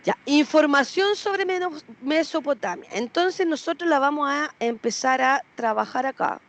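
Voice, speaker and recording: A woman's voice: high voice, expressive, moderate pace. A woman teaching a history class, asking questions, repeating students' answers and checking that they follow.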